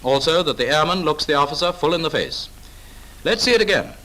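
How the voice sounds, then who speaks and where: With clipped authority, a British man narrates a 1940s wartime training film, giving firm instruction in a bright, fairly high voice that swings in pitch. He sounds animated and brisk, and the audio is poor, like an old film soundtrack.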